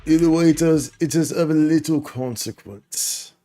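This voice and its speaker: A man streams casual gameplay commentary in a slangy way, calling both the game and his viewers "dude" and "boy." His voice sits on the high side and sounds mellow and unhurried. Game music plays behind him.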